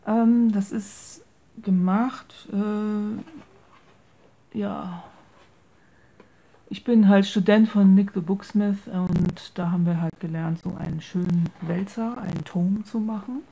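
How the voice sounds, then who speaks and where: Her voice medium in pitch, dark, and slow with fairly even intonation, a German-speaking craft video maker shows a handmade journal at a tabletop indoors. The show-and-tell is casual and hesitant, and she reaches for words while mixing in English craft vocabulary.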